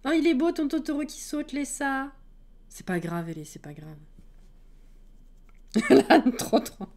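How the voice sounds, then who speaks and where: A woman with a slightly high voice talks loosely to her live-stream viewers. She greets them one by one and laughs easily between remarks. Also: big pitch swings, moderate pace, a little mellow, slight background noise.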